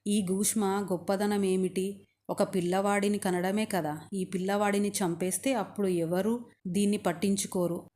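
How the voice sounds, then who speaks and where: A woman's voice: medium pitch, level tone, moderate pace, mellow, lightly acted. A woman storyteller voicing a jealous, brooding older wife. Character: jealous older wife, plaintive then scheming.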